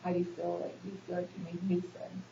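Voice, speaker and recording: Congested woman counselor, hesitant and flat. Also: fairly low pitch, quick pace, vocal fry. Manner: hesitant, many ums and restarts. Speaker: social work student playing the counselor in a role-play. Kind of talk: counseling session role-play. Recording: echoey room, dull hissy recording.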